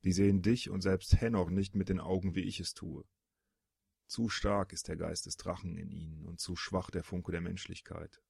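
Man voicing a grave, gravelly dragon-born being. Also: low voice, fairly even intonation, normal speed, a little mellow, no echo, clean studio sound, heavily acted.

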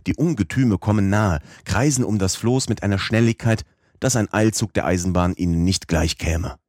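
Low, husky male audiobook narrator. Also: no echo, clean studio sound. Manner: measured, steady reading. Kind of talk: scripted narration of a classic novel.

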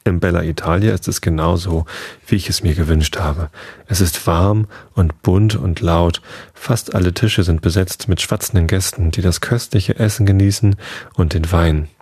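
A man reading a first-person story aloud in an even, gentle storytelling manner. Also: deep voice, moderate pace, slightly rough, no echo. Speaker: narrator.

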